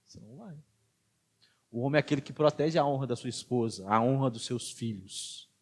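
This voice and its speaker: A man with a Brazilian Portuguese accent preaching a sermon as pastor in a church, emphatic, moving between hushed and loud passages. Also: medium pitch, brisk.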